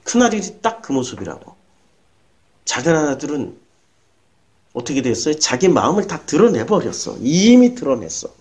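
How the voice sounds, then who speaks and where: A man's voice: a little high, big pitch swings, moderate pace, pauses often, a little mellow. A man preaching a sermon as pastor, asking his listeners questions and answering them himself, and acting out short quoted lines.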